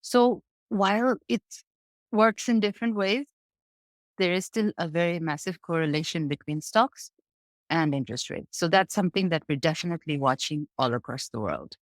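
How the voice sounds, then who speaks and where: A woman from Bangladesh speaks as an interview guest and explains the economy in an easy, conversational way. Her voice sits a little low, and she keeps checking in with her listener. The sound is dry and close. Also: lively intonation, normal speed, dry recording. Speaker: guest market analyst. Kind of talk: interview answers on markets.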